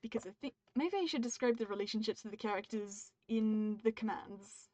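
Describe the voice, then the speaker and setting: Speaking at a medium pitch with a brisk, slightly mellow delivery, this British woman reads her draft on stream, pausing mid-sentence to revise and talk warmly and cheerfully with her audience. There's no room sound, though her mic sounds dull and muffled.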